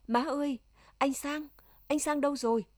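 A woman voicing a frantic, desperate young village wife with high, pleading cries. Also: normal speed, no echo, clean studio sound, lightly acted.

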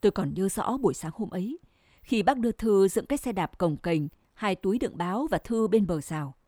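A woman narrating a scripted first-person story in a measured, sorrowful way. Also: medium pitch, expressive, warm tone, no echo, clean studio sound.

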